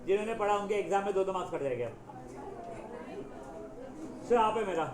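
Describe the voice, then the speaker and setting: A man's voice: high-pitched, animated, a little fast, background noise. A man teaching a math class, walking students through problems step by step, calling out to them, scolding and joking in between. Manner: calls out to students, scolds and jokes between explaining steps. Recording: echoey classroom.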